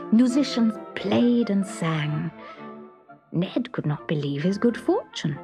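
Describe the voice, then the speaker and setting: A woman with a medium-pitched voice reads a children's story from a script, narrating in a measured, expressive storytelling style.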